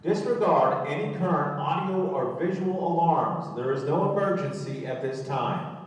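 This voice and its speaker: A man making a calm, measured public address announcement over a building loudspeaker. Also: a little high. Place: conference venue, heard through ceiling speakers. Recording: echoey PA from far off.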